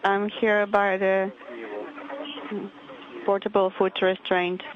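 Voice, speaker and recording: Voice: medium pitch, monotone, slow, a crowd in the background. An interpreter relaying spacewalk instructions over a crackly space-to-ground radio transmission, in clipped, businesslike radio talk. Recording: muffled radio audio with static.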